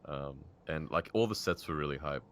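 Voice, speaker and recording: A young man guesting on a casual gaming podcast, excited and slangy, restarting often. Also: rumbling low, moderate pace, slight background noise. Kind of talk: casual chat.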